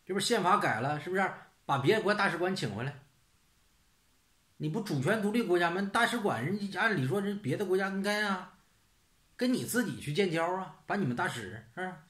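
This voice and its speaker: Brief: blunt, sarcastic man, somewhat high, lively pitch, swearing casual rant, echoey room. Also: fairly quick. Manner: rhetorical questions, "是不是" tag. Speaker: channel host. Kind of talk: casual ranting monologue. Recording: roomy echo.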